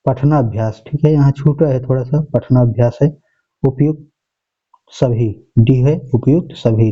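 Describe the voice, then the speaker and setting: A man teaching a lesson at a middle pitch, working through an exam paper step by step. He reads out each option in turn and keeps checking in with his students. The recording sounds dull and lo-fi. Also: mellow. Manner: methodical, reads out each option, repeats "okay" often.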